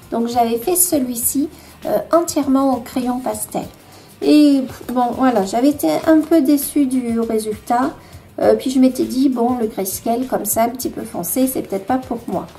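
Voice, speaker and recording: A woman with a French accent and a fairly high, mellow voice talks through her coloring books at home. She hesitates often and pokes fun at her own work, while soft music plays quietly behind her. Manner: hesitant, many fillers, self-deprecating. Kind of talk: casual show-and-tell.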